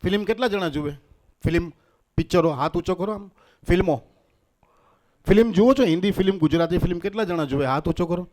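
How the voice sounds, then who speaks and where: Lively stand-up man with a high voice, working a festival crowd from the stage. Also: a little fast, pauses often. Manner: lively, teasing, engaging the crowd. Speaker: stage comedian and mimic. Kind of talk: stand-up comedy at a religious gathering.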